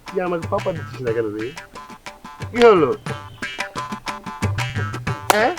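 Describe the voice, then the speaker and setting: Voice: mid-range voice, sing-song, unhurried. An actor playing a flirty village woman in a comic drama, coy and pleading, with music playing faintly underneath. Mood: teasing.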